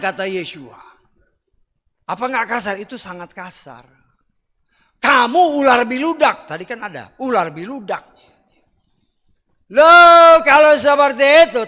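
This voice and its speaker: A middle-aged man preaching a sermon in a blunt, rough-spoken way, with loud emphatic bursts and quiet asides. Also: fairly high pitch. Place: church hall. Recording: church hall reverb.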